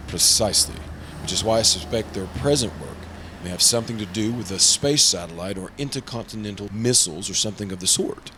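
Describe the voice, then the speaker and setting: In an old-time radio drama, a supporting actor plays a prim, earnest insurance broker who is easily flustered, sounding worried, explanatory, formal and exasperated. His natural voice sits on the low side and moves fairly quickly over a noisy background.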